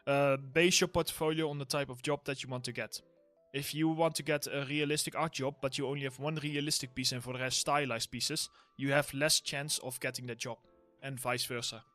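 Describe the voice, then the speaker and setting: A man with a Dutch accent chats through viewer questions on a relaxed livestream, his voice sitting at an everyday middle pitch. He rambles and restarts easily, his throat starting to sound a bit worn. Faint music plays softly behind him. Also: brisk. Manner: reads chat questions aloud and answers loosely, with fillers and laughs. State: throat getting sore from talking. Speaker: livestream host, environment art tutor. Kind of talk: casual Q&A livestream.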